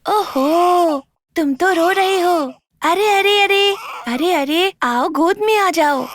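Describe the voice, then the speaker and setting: An actress playing a gentle, unloved adopted girl who talks softly and pleads. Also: very high voice, takes it slowly. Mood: soothing. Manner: soft, pleading. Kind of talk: Hindi TV serial acting.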